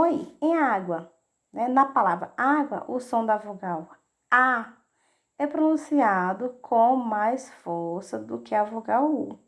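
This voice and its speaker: Brazilian woman teacher, middle-aged, unhurried video lesson, patient and repetitive. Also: on the high side. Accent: Brazilian Portuguese. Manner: patient, repeats "né?" and "tá?" to check understanding. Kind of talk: recorded video lesson for children.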